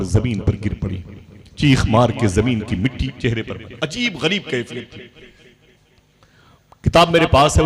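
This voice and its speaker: A man, preaching a sermon at a public religious gathering, emphatic and asking the audience rhetorical questions. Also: mid-range voice. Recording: live crowd in background.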